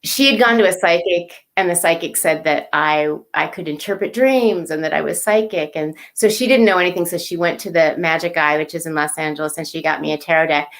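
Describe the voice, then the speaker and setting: A woman in her fifties, a guest in a casual video chat, relaxed and storytelling with easy laughs. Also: sits low, brisk, few pauses.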